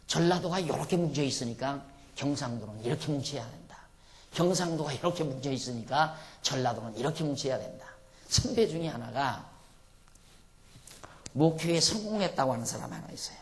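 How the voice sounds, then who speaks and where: A Korean-speaking male pastor delivers an expository Bible sermon. He reads scripture slowly and with weight, then breaks into blunt, everyday commentary. His voice sits at an ordinary middle pitch for a man.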